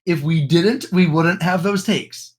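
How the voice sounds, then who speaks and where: A man's voice: on the high side, a little slow, a little mellow. Rambling young man with frequent ums. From United States. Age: young adult. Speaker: podcast co-host. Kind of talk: casual chat.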